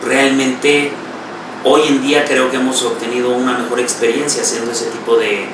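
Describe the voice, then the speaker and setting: A man's voice: medium pitch, level tone, moderate pace. Reflective man in an echoey room. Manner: reflective, thinking aloud with repeats. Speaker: salon owner. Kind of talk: seated interview. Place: indoor studio with bookshelves. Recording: echoey room, distant mic, noisy.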